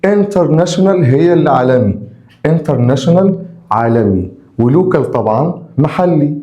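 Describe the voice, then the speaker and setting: A man with an Egyptian Arabic accent teaches English vocabulary to school pupils in a mellow, low-key voice. He repeats each word slowly, gives its meaning in Arabic and keeps asking short rhetorical questions to prompt his students. The recording carries a clear echo from the room. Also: animated.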